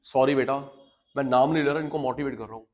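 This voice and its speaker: A man teaching a class, telling stories to his students and then lecturing loudly and with emphasis. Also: mid-range voice, fast talker. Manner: animated, addresses students directly, swings from quiet storytelling to loud emphasis.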